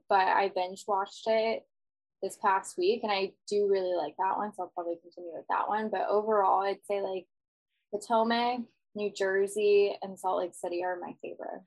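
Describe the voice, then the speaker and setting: A woman guest on a casual podcast, enthusiastic and story-driven. Her pitch sits in a middle range, and she slips into quoted voices as she goes. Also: steady tone, normal speed, poor audio.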